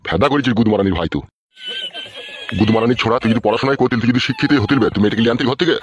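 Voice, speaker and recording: A man's voice: medium pitch, rapid-fire, lightly acted. A man voicing a crude, furious middle-aged village father in a comic cartoon, bellowing coarse insults. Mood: scolding.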